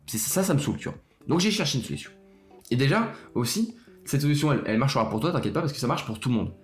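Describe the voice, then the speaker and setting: A young man talks casually on his podcast, chatty and a little hesitant, often circling back to restart a thought. His voice sits at an ordinary middle pitch. The room around him rings with echo, with faint music beneath. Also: big pitch swings, fast. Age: young adult. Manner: chatty, speaks directly to the listener, hesitant restarts. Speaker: student podcast host. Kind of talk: casual solo podcast talk.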